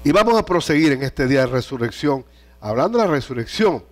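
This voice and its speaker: A man preaching a sermon, reading scripture aloud in an animated, questioning manner. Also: mid-range voice, a little fast.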